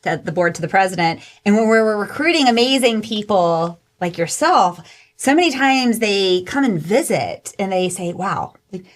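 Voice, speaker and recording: A woman's voice: mid-range voice, animated, normal speed. A middle-aged woman hosting an interview, conversational and affirming. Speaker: podcast host.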